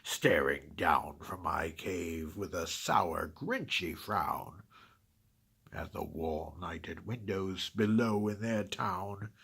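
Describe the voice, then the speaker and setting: A man voicing a grumpy, scheming holiday-hating Grinch in a dramatic first-person storybook reading, sneering, hissing in whispers and bursting out loud. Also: low voice, takes it slowly, exaggerated voice. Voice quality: gravelly, raspy. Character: grumpy scheming green male holiday-hater.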